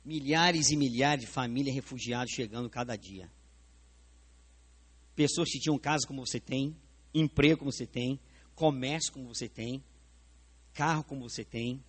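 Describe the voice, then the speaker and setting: A man's voice: medium pitch, normal speed, long pauses, breathy edge. A man with a Brazilian Portuguese accent, preaching a sermon in a church, staging a live demonstration and putting questions straight to the congregation. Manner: animated, questions the congregation directly. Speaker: pastor preaching. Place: church sanctuary.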